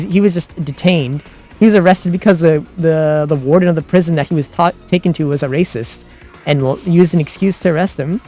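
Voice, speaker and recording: A man's voice: a little high, darkish tone. A man chatting casually with his stream viewers, rambling with lots of fillers and restarts, and sounding exasperated. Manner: grows heated and exasperated. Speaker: livestream host.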